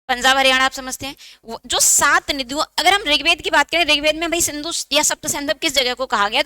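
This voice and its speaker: A woman's voice: high voice, sharp tone, clean tone, no echo. A woman teaching a Hindi exam-prep lecture, asking questions and answering them herself, and dictating note points.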